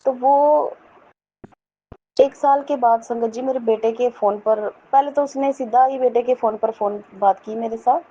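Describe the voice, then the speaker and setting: A middle-aged woman from Jammu earnestly telling a devotional testimony, often pausing to address her listeners respectfully. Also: a little high, fairly even intonation, dark tone. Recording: dull lo-fi recording with faint noise.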